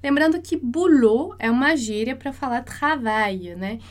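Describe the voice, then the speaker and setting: A woman with a Brazilian Portuguese accent teaching a French pronunciation lesson, explaining in Portuguese and slowing down to model each French phrase. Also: on the high side. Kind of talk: online language lesson.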